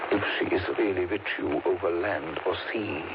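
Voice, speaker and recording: A man's voice: deep voice, lightly acted. Man playing Van Helsing, grave, urgent vampire hunter. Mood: brooding. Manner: emphatic, deliberate, dramatic. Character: grave, urgent male doctor leading a vampire hunt. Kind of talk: 1930s radio drama acting. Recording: scratchy, narrow, hissy 1930s radio recording.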